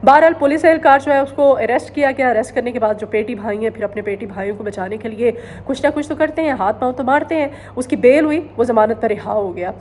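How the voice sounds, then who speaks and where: Female news commentator from Pakistan, pitched a little high, earnest, hesitant fillers, repeats phrases for emphasis, faint noise underneath. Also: fast talker, hardly any pauses, a little mellow. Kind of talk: current-affairs news commentary.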